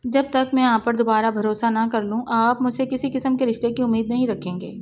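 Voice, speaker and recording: A woman's voice: on the high side, fairly even intonation, muffled recording, slight background noise, natural voice. A woman reading the lines of a wronged young wife who speaks coldly and firmly in a storybook reading. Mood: bitter firm. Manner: cold, firm, bitter. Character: wronged young pregnant wife, bitter and firm.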